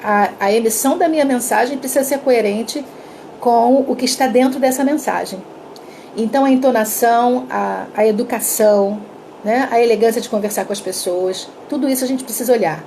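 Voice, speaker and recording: A woman with a Brazilian Portuguese accent teaching communication in a live online class, her throat dry, in a lively manner that acts out little sample dialogues. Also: a little high, a little fast, slight background noise. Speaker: communication coach.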